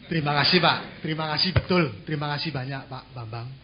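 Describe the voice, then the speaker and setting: Halting man asking a question. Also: a little high. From Madura, Indonesia. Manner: halting and formal, with many pauses. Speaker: audience member asking a question. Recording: muffled, clear background noise.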